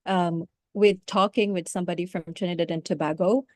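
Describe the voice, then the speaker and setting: Filipino woman giving a halting talk. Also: fairly low pitch, fairly even intonation, darkish tone, no room sound, clean studio sound. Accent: Philippine English. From Philippines. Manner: halting, with many restarts and fillers. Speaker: English teacher. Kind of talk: webinar talk.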